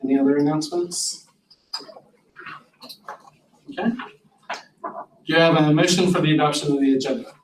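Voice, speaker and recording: A man's voice: a little high, steady tone, normal speed, long pauses. A man acting as board chair, speaking formally as he moves through meeting procedure. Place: public board meeting room. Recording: echoey distant meeting room microphone, noisy.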